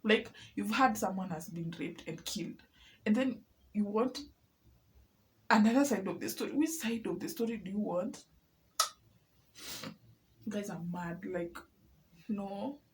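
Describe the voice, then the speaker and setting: A woman's voice: mid-range voice, expressive, a little slow, pauses often, poor audio. A young woman with a Kenyan accent, speaking in an upset personal vlog, often saying "like" and slipping into Swahili. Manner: upset, fills speech with "like", switches into Swahili. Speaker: vlogger. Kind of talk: emotional personal vlog rant.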